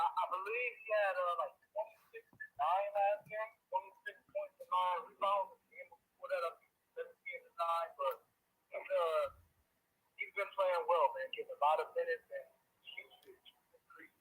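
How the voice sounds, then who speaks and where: A man's voice comes through a phone call. It is husky and fairly high, with a bright edge and a lively, swinging pitch. He talks loosely and casually, filling gaps with many ums and uhs. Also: moderate pace. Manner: loose and relaxed, with many fillers. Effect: talking over a phone call. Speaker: caller sharing sports bets. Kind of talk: casual chat.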